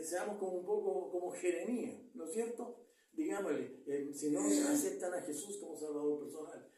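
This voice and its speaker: Man, pastor, earnest sermon, repeats himself, dark mellow tone. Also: sits high. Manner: earnest, repeats words, asks the congregation "¿ya?". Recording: echoey church hall, mic far off.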